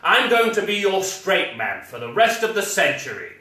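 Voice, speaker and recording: A man's voice: high voice, big pitch swings, normal speed, bright, forceful tone, full character voice. A man voicing a prim, fussy male quartermaster of spy gadgets. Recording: roomy live stage sound from a distance.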